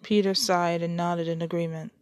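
A woman's voice: on the low side, fairly even intonation, moderate pace, no echo, studio quality. A woman hosting her own podcast, chatting casually and then reading a story aloud. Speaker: podcast host and story reader. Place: shared home.

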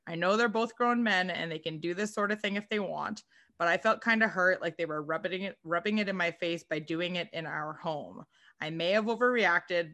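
A woman's voice: on the low side, bright, forceful tone. A woman co-hosting a casual chat, talking bluntly with lots of "like" and swearing freely. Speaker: podcast co-host.

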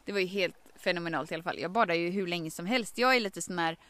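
A woman casually telling a story outdoors by a lake, animated, often acting out quotes and laughing. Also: on the low side. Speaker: vlogger.

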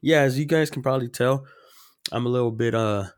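A man's voice: medium pitch, fairly quick, smooth, no room sound. A young man with a stuffy, congested voice hosts a podcast in a laid-back, joking way. He fills his talk with ums and uhs. His voice is recorded dry and close. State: congested from a cold. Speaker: podcast host. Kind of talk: casual podcast chat. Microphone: remote home recording.

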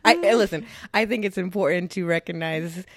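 A young woman with a notably low voice chats on a podcast, her talk loose and full of fillers, often breaking into laughter. Her voice sounds dry and close-miked. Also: a little fast, no room sound. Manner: chatty, laughing, filler-heavy. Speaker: podcast co-host. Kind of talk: casual chat.

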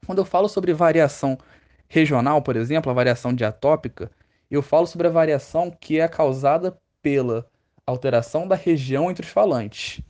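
A teacher from Rio de Janeiro, Brazil, with a Brazilian Portuguese accent, explains a lesson on a podcast. His voice is a little high and a little mellow, at a moderate pace, and he asks questions aloud only to answer them himself.

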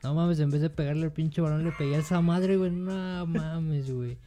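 A man's voice: a little high, fairly even intonation, normal speed, warm tone, soft background music. Young Mexican man, slangy and swearing. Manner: laughing, swearing, says güey constantly. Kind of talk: casual chat among friends.

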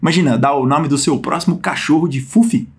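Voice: mid-range voice, brisk, a little mellow. A language teacher with a Brazilian accent, giving a casual lesson in a playful, joking way with plenty of slang. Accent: Brazilian Portuguese. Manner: playful, jokey, slang-filled. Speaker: German teacher.

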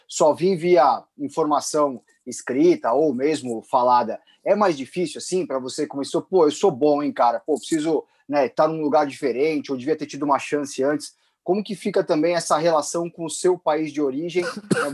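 A male interviewer with a slightly husky voice and a dry sound. He builds long, winding questions, circling before he lands them. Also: a little high, a little mellow, no echo. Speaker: interview host.

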